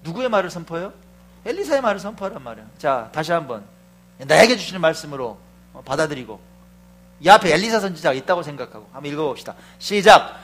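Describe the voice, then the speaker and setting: A middle-aged male pastor preaching fervently, moving from hushed asides to shouted proclamations and often questioning the congregation. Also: fairly high pitch, sing-song, fast. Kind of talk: sermon.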